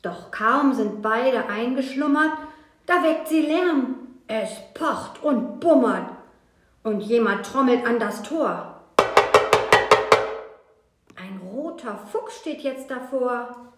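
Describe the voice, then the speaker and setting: A woman reads a rhyming children's tale in a slow, deliberate, sing-song cadence. Her voice sits a little high. The room around her is echoey, with a faint hiss underneath. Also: lively intonation. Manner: slow, measured, rhythmic verse reading. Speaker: storyteller. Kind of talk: reading a rhymed children's story aloud.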